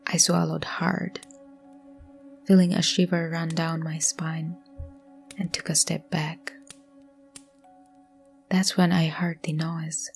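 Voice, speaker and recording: A woman narrating a scary story in a hushed voice, often dropping to a whisper. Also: low-pitched, flat delivery, slow pace, gravelly, pauses often, faint music behind. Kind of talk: scripted horror story narration.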